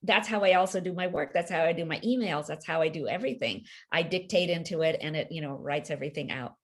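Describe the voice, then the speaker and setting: Low-voiced woman author telling a story. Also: fast. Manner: animated retelling, acts out quoted voices. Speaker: author being interviewed. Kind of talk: storytelling in an online interview. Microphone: video call.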